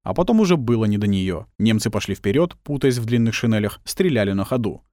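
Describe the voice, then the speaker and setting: A man's voice: lowish voice, lively intonation, quick pace, dark tone, no echo, clean studio sound. A man reading a war novel aloud as scripted audiobook narration.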